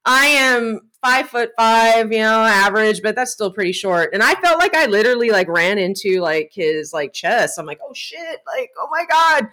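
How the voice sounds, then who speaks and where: A woman co-hosting a podcast, telling a story in a casual, animated way, laughing often and swearing freely. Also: mid-range voice, moderate pace, few pauses. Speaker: podcast co-host.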